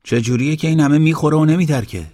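A man's voice: on the high side, darkish tone, no echo, studio quality, voice pushed up, close to an everyday voice. A man voicing a hard, ruthless young village man who speaks tersely and grimly. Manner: terse, grim.

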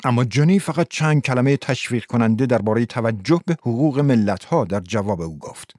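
A man reads a literary story in a measured, even narrating voice. The sound is dry and close to the microphone, with no room around it. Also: mid-range voice, dry recording.

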